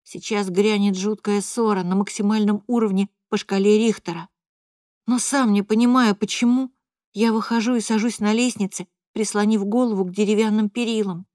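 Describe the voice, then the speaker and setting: A woman reading a first-person audiobook in a quiet, even storytelling voice. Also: medium pitch, moderate pace, dry recording, clean studio sound. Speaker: audiobook reader.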